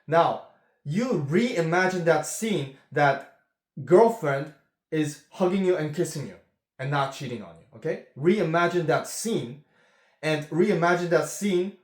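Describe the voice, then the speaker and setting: With a voice on the high side and lively intonation, a relationship coach delivers a slow, earnest monologue in an echoey room, frequently checking in with listeners by repeating "okay?"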